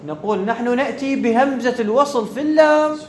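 A man's voice: very high voice, brisk, slight background noise. A man giving a classroom grammar lecture, often checking whether his students follow and repeating the key words. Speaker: teacher of Arabic grammar.

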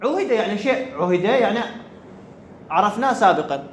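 A man's voice: sits high, animated, a little fast, a little hiss or hum. A man giving a classroom grammar lecture, often checking whether his students follow and repeating the key words. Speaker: teacher of Arabic grammar.

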